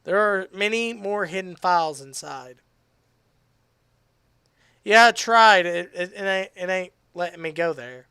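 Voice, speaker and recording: A man chatting casually on a game live stream, rambling with restarts and fillers, his voice tiring and going hoarse. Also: high voice, measured pace, pauses often, pushed and bright, dry recording. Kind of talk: casual live-stream chat while gaming.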